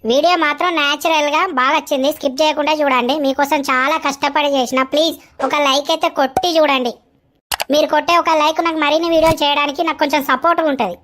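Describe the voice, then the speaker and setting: A woman's voice: sits high, steady tone, fast, a bit bright. A woman, a comedy video creator greeting viewers and asking for likes. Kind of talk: casual intro asking for likes.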